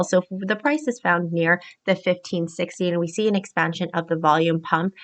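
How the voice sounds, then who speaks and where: A woman's voice: lowish voice, fairly bright tone. A woman walking viewers through cryptocurrency chart indicators step by step, calling them "you guys" in a casual analysis video. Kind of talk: screen-share market analysis.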